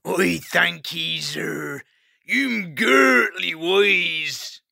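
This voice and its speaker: A man voicing a humble old male mole foreman who speaks a thick rustic mole dialect, slow and gravelly. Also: high voice, lively intonation, bright, forceful tone, dry recording, studio quality, pitched above the performer's own voice, exaggerated voice.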